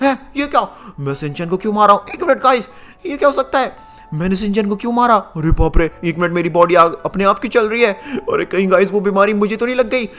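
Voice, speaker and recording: A young man giving dramatic gameplay commentary, gasping theatrically and constantly talking to viewers. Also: sits high. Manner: excitable, theatrical gasps, constantly addressing viewers. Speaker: gaming YouTuber narrating as player character.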